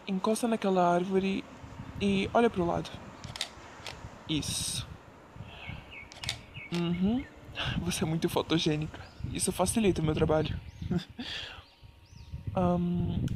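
A man voicing a shy, sweet young male photographer in a whispered role-play, talking softly and bashfully to the listener. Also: high-pitched, fairly even intonation, moderate pace, noisy background, close to an everyday voice. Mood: gentle. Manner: soft, gentle and bashful, addressing the listener.

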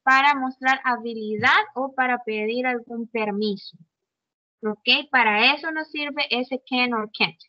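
Woman, English teacher, high voice, dry close sound, checks understanding often. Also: a little slow, no room sound. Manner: explains in Spanish with English examples, checks in with "¿ok?". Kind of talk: online class explanation. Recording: dull, muffled online audio.

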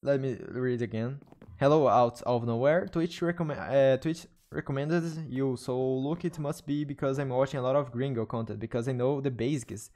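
A young man with a Brazilian Portuguese accent talks to his live-stream chat while playing, his voice medium-pitched with a darkish tone. Since English is his second language, his speech is halting, with frequent stops, repeats, and searches for words. He uses a studio mic on an arm and headphones at a desk in a small room.

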